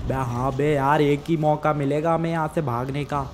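A man voicing a rough-talking, impatient young male buddy in a game video. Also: on the high side, steady tone, moderate pace, a little hiss or hum, natural voice. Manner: rough, street-slangy, impatient.

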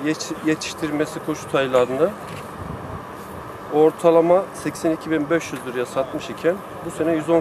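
Male official, 50s, formal statement delivery, fairly high pitch, clear outdoor background noise. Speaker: official giving a press statement. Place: open grass yard by stables, outdoors. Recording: noisy outdoor location sound.

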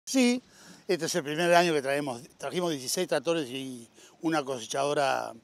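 A middle-aged Uruguayan man, a machinery dealer, talks up his tractors outdoors at a farm fair in a casual interview. His voice is fairly high and creaky with lively intonation at a normal speed, and he sounds like an upbeat salesman who keeps dropping "este" as filler.

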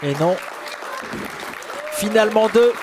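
A man giving excited live wrestling commentary, exclaiming as he calls the moves. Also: high-pitched, takes it slowly. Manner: exclamatory, calling moves as they happen. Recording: loud crowd noise throughout. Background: roaring live wrestling crowd.

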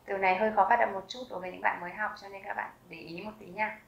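A woman teaching vocabulary, repeating each word slowly and carefully. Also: mid-range voice, level tone, creaky, reverberant, dull audio. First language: Vietnamese. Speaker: German language teacher. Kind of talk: vocabulary lesson with slow repetition.

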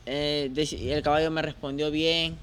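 A man's voice: on the high side, level tone, normal speed, crowd noise. A man, a jockey guest on a studio panel, speaking hesitantly and restarting often. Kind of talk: casual studio chat.

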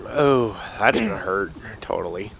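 A man's voice: lowish voice, animated, unhurried, vocal fry, fairly bright tone, a little hiss or hum. A young man bantering casually with friends while playing a game live. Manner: teasing, laid-back. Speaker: co-host and player.

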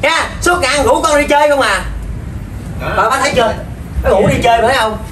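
A woman's voice: high voice, fast, fairly bright tone, slight background noise. A woman, playing an accusing, scolding mother in a comedy sketch. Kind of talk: scripted comedy sketch acting. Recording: echoey room from far off.

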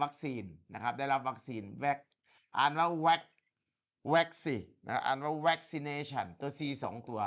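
A man gives one-on-one English tutoring, explaining things in Thai and reading the English slowly and carefully. He offers steady encouragement, and his voice is a little high.

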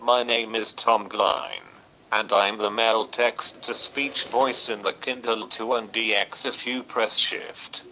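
A synthetic male text-to-speech voice with a British English accent, played from an e-reader and reading in an even, mechanical way. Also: fairly low pitch, takes it slowly, slight background noise, low-quality recording.

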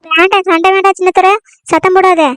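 A woman's voice: extremely high pitch, level tone, fast talker, a bit bright, no room sound, clean studio sound. A woman voicing a scheming village mother-in-law in a cartoon, who talks meek and soothing but makes sly asides. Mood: falsely meek. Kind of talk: cartoon comedy voice acting.

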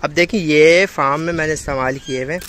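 A man's voice: on the high side, fairly even intonation, brisk, fairly bright tone, slight background noise. A young man chatting casually while he walks through his outdoor animal farm and talks fondly to the animals, recorded on a phone held at arm's length. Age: young adult. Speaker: farm vlogger. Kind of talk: casual walk-through vlog. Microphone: phone camera held at arm's length.

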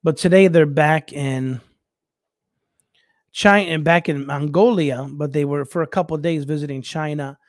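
Male preacher guest, slightly raised pitch, loose laughing anecdote delivery with restarts, dry close-miked sound. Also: moderate pace, dry recording. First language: English. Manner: rambling, animated, laughing often, many restarts. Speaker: missionary preacher. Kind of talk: casual storytelling on a talk show.

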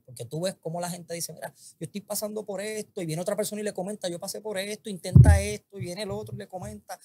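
Husky male guest, animated and heartfelt. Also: high-pitched. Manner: animated, acts out his own inner voice. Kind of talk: emotional storytelling in a podcast interview.

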